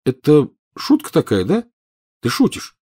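A male narrator raises his voice into an exasperated teenage boy wizard, impatient and incredulous. The voice sits noticeably higher and louder than the storyteller's own, with lively, lifted phrasing in a storybook reading. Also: brisk, close to an everyday voice.

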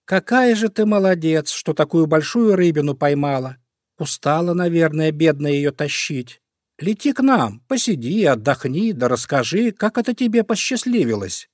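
A cunning vixen from a children's storybook, her voice pitched high and dripping with flattery, as a male narrator puts her on. She coaxes in a singsong tone and squeals when she is crossed. The sound is dry and close. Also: normal speed, no room sound. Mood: coaxing. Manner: honeyed, coaxing, turns shrill when crossed. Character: sly sweet-talking female fox. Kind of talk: storybook reading.

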